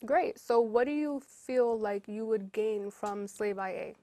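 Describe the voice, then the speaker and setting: A woman hosting an interview show, upbeat and encouraging, asking quick follow-up questions. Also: on the high side, warm tone, no echo. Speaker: host. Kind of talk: casual interview.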